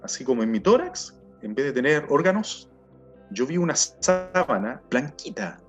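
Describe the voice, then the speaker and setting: A middle-aged Chilean man telling his personal testimony in an earnest, halting way, often repeating words as he searches for them. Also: fairly high pitch, very animated. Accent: Chilean Spanish. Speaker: testimony speaker. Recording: dull sound with faint music behind.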